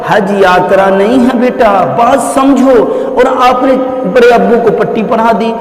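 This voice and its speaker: A man's voice: very high voice, a little slow. A male Islamic cleric giving a scolding, sarcastic rebuttal, lecturing the listener like a daughter. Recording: echoey hall reverb.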